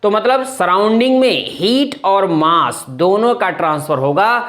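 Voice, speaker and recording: A man's voice: sits high, lively intonation, a little slow, fairly bright tone. A male chemistry teacher giving a classroom lecture in with terms, calling students "beta" and asking and answering his own questions. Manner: calls students "beta", asks and answers his own questions, often says "thik hai na".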